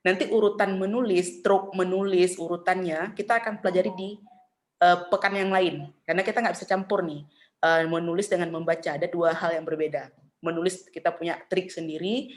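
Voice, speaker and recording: Patient, chatty woman teaching a class. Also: lowish voice. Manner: patient, chatty, models tones slowly. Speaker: Mandarin teacher.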